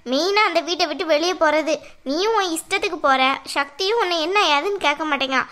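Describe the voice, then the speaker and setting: A woman plays a stern cartoon mother-in-law with a high voice. She lectures and scolds at length in a firm tone. Under the strictness she quietly cares for her daughter-in-law. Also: fairly quick. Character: stern middle-aged mother-in-law, secretly caring. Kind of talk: cartoon voice acting.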